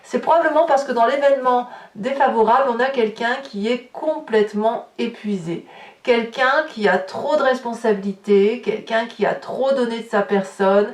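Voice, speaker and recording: A woman with a French accent giving a chatty tarot reading to her viewers, full of fillers and restarts. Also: a little high. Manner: talkative, many fillers and restarts. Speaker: tarot reader. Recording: echoey room, voice a bit far from the mic.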